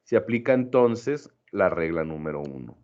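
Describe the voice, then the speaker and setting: Deep-voiced male teacher, dull recording. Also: expressive, normal speed, a little mellow. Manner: patient explaining, checking in with "¿sí?"; frequent fillers and self-corrections. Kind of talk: recorded online lesson.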